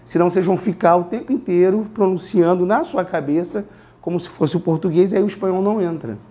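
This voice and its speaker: Male language teacher from Brazil, high voice, classroom lecture, drills pronunciation by repetition. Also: warm tone. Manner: explains slowly, repeats words, asks students to repeat. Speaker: Spanish teacher.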